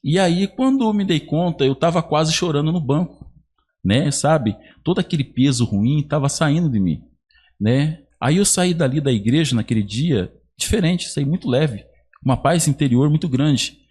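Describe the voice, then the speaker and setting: Husky, lively man telling his testimony. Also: on the high side, normal speed. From Iguape, Brazil. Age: 30s. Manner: animated storyteller acting out quoted dialogue. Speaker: podcast guest. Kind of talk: personal faith testimony.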